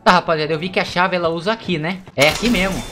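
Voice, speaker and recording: A man from Brazil giving excitable, chatty let's play commentary to his viewers. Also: high voice, quick pace, music in the background. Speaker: gaming YouTuber.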